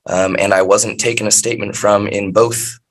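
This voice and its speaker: An American man addresses a judge as his own defender. His voice is on the low side, and he words things in a stilted, over-polite, legalistic way. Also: level tone, normal speed. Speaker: self-represented defendant. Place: in custody, on a court video call.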